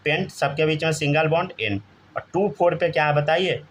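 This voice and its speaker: A man with a slightly high, steady voice teaches chemistry live at a fairly quick pace. He keeps pressing students to answer and checks they follow, often saying "theek hai," with a little hiss or hum audible.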